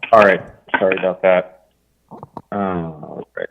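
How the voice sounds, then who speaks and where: A man's voice: deep voice, steady tone, measured pace, gravelly, background noise. A city councilmember, a man, speaking hesitantly at a public meeting over a remote video call, his volume uneven as the audio cuts in and out. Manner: hesitant, many fillers. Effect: uneven volume, audio cutting in and out. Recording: tinny phone-like line.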